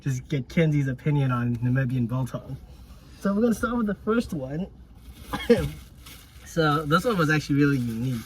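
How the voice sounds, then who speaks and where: A man's voice: on the high side, animated, moderate pace, pauses often, slight background noise. A man co-hosting a casual podcast chat, rambling with lots of filler words and talking while he chews. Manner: talks while chewing. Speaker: podcast co-host.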